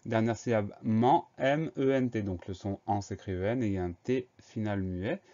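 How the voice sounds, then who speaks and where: This spelling dictation lesson features a man with a warm voice on the low side, speaking at a moderate pace. He patiently spells out each word letter by letter, and the recording is dull and lo-fi.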